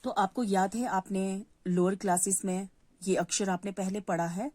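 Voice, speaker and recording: A woman's voice: mid-range voice, a little mellow, no echo. A woman teaching a Hindi lesson to young children, patient, repeating key words and answering her own questions. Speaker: primary school Hindi teacher.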